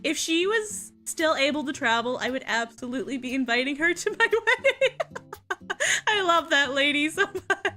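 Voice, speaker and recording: Young woman streamer, high and very lively voice, bright, unhurried casual chat, constant giggles. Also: soft background music. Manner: giggly, laughs often between sentences. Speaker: VTuber streamer.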